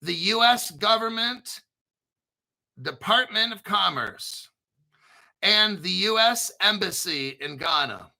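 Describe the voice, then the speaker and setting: A man hosting an informal crypto commentary, talking through articles in an excitable, sarcastic way, swearing and often clearing his throat. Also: high-pitched, slow, low-quality recording. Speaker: crypto video host.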